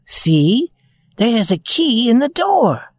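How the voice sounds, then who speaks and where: A man's voice: very high voice, very animated, slow pace, no room sound, voice pushed up, heavily acted. A man voicing a cheerful rag doll girl who leads the other toys, in a raised, lilting storybook voice. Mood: earnest.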